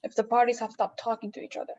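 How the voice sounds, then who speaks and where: A woman acting an officious chief telephone operator in a radio drama, polite, measured and unmoved. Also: on the high side, flat delivery, dark tone. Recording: slightly dull, lo-fi sound.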